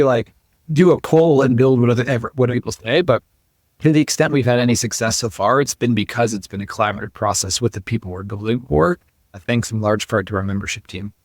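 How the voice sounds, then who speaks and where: As a company founder being interviewed, a man explains things conversationally and with emphasis, often dropping in "like" and "you know." His mid-range voice is recorded clean in a studio with no room sound.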